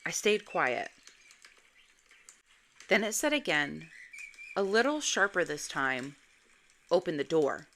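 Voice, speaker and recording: A woman recounts an eerie personal story, unhurried and deliberate. Her voice sits a little low but has a bright, forward edge. She builds suspense through careful pacing. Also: very animated, slight background noise. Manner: slow, measured, suspenseful delivery. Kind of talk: first-person spooky story narration.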